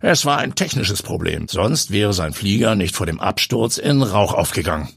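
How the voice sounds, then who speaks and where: A man voicing a confident, daring journalist and pilot who speaks in a brisk, energetic, self-assured way. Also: fairly low pitch, gravelly, slightly rough, dry recording, clean studio sound, pitched above the performer's own voice, exaggerated voice. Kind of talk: audiobook character voice.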